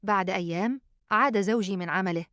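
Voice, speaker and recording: A woman storyteller giving a calm, even, scripted first-person story narration. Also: medium pitch, fast, dry recording, studio quality.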